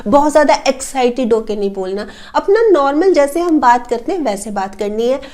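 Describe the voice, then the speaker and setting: A woman's voice: high-pitched, big pitch swings, fairly quick, darkish tone. A woman coaching on how to talk so people listen, explaining points with everyday household examples and lots of fillers. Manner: uses fillers like matlab and a. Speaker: personality development coach. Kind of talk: casual spoken advice talk.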